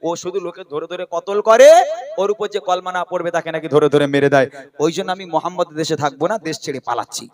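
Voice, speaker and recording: A man's voice: fairly high pitch, fast talker, close to an everyday voice. A man voicing a frail old woman fleeing town, complaining bitterly and plaintively.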